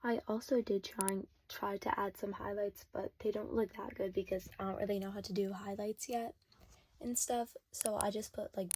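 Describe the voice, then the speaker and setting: A woman's voice: mid-range voice, darkish tone. A teenage girl narrating her drawing process in a casual, hesitant voice-over, full of fillers, recorded without a proper mic. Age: teens. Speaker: vlogger. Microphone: no external mic.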